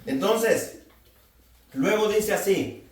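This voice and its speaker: High-voiced man preaching in an echoey hall. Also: lively intonation, extremely slow, recorded from a distance, a little hiss or hum. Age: 40s. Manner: exhorting, addresses the congregation directly. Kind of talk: sermon.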